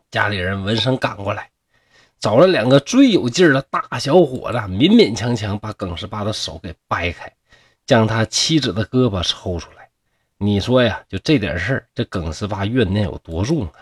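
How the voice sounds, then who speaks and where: Husky Northeastern Mandarin storyteller. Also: male voice, medium pitch, no echo, studio quality. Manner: chatty, rhetorical asides. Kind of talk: humorous folk-tale narration.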